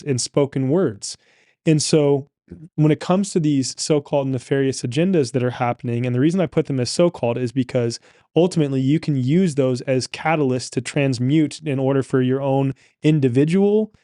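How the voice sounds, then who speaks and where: A man's voice: medium pitch, dark tone, no echo, clean studio sound. A man hosting a podcast interview, explaining his ideas in a reflective, expansive way. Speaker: podcast host. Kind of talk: conversational interview.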